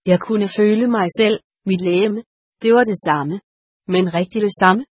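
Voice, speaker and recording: A woman reading a first-person story aloud in a measured, solemn way. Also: medium pitch, slightly rough, dry recording. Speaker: audiobook reader.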